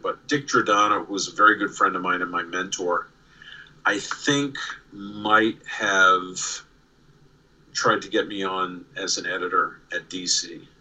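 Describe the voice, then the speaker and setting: A sixty-something New Yorker with a faint accent spins casual stories as a video-call interview guest, frequently starting over and repeating himself. His voice is on the low side, bright and forceful. The remote recording sounds rough.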